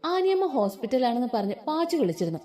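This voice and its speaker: Woman as young man, caring, joking, warm, lively. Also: sits high, quick pace. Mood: teasing. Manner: joking, gently scolding.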